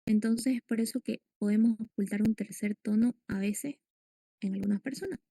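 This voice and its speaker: A woman's voice: mid-range voice, moderate pace, vocal fry, warm tone, husky, no room sound. A woman giving a medical lecture, explaining step by step and quizzing her students. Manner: explanatory, asks students questions.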